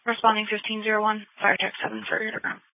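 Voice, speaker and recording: A woman's voice: mid-range voice, level tone, fast talker, dry recording. A woman working as an emergency dispatcher, giving brief clipped calls over a two-way radio. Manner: brief, clipped call codes. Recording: tinny, dry two-way radio.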